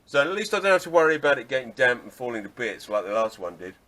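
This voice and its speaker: Very animated and fast, this man's medium-pitched voice sounds pushed and bright as he works on restoring an old car. It's a casual how-to vlog from the workshop, full of rambling, restarts, and self-deprecating wry asides.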